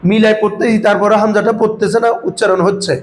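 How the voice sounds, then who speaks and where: High-voiced man teaching a class. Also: little pitch movement, fast talker, rough recording. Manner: questioning students, calling them baba. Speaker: Arabic grammar teacher. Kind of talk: classroom lesson.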